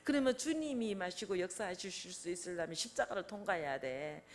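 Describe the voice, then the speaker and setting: An older woman preaching a sermon in a conversational way, asking her listeners questions and acting out quotes with lively changes of voice. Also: on the low side, a little fast. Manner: conversational, asks the congregation questions.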